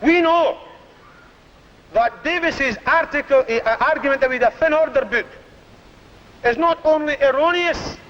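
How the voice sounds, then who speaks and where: Male union orator, rally speech, very high voice, reverberant hall. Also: moderate pace, fairly bright tone. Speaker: shop steward and union orator. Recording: dull, echoey hall archive recording.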